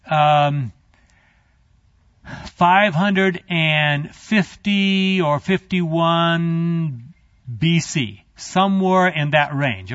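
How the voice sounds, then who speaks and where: Leading a Bible class, a man with a fairly high, fairly bright voice talks conversationally and casually, often turning to asides for his listeners. The audio is dry, slightly muffled and without echo.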